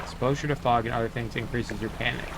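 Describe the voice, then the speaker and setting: A man giving casual gameplay commentary, reading game text aloud and thinking out loud. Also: medium pitch, fairly even intonation, fast, background noise. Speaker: gamer. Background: game music.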